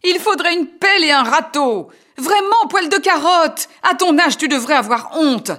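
A man voicing a harsh, scolding mother in a storybook reading, shrill and theatrical. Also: animated, moderate pace, pushed and bright, full character voice.

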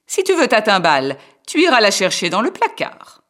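A man's voice: sits high, wildly swooping pitch, moderate pace, a bit bright, voice pushed up, full character voice. A man voicing a stern, cold mother who gives curt orders to her children. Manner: curt, bossy.

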